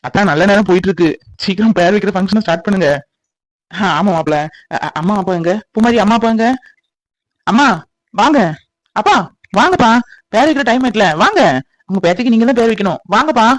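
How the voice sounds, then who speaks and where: A voice actor playing a fond young uncle and father in a cartoon, coaxing a crying baby with lively baby talk. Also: medium pitch, fairly quick, pauses often, no echo, close to an everyday voice. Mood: urging. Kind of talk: cartoon voice acting.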